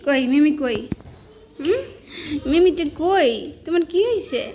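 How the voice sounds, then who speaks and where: Woman, high voice, cooing baby talk to pets, faint background hiss. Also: lively intonation, a little slow, dark tone. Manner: cooing, coaxing, repeating questions. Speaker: cat owner. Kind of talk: baby talk to pet cats.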